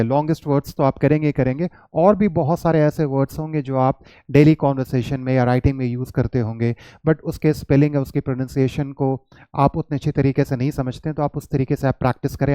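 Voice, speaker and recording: A man teaching English spelling to children, mixing Hindi and English and slowly reading out English phrases. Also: fairly high pitch, dark tone, dry recording. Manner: patient, repeats points, reads out English phrases slowly. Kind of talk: explaining a lesson to children in a mix of Hindi and English.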